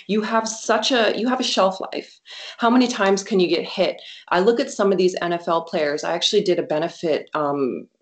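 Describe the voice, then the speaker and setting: A woman in her thirties from the United States, talking as an interview guest in an earnest, animated way with many fillers. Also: lowish voice, moderate pace. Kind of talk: casual interview chat.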